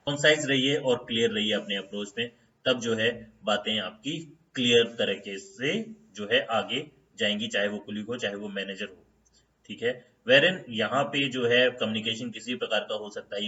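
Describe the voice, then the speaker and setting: A man giving an informal lesson as an HR consultant to his channel's viewers, speaking conversationally with frequent "theek hai" and "uh" fillers and slowly stressing each step's English heading. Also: on the low side, sharp tone, lo-fi sound. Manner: stresses English terms slowly when starting each step.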